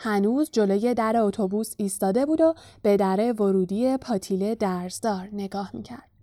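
A woman narrating a storybook in a calm, even reading voice. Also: medium pitch, no echo. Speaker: audiobook narrator.

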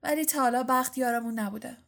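A woman's voice: fairly high pitch, gravelly, a bit bright. A woman doing a weary, earnest father. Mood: serious. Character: tired middle-aged father, ministry worker.

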